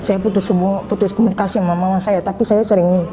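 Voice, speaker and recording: A woman recounting her personal conversion testimony in a hesitant, halting way, with many fillers. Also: mid-range voice, fairly even intonation, warm tone, slight background noise, low-quality recording.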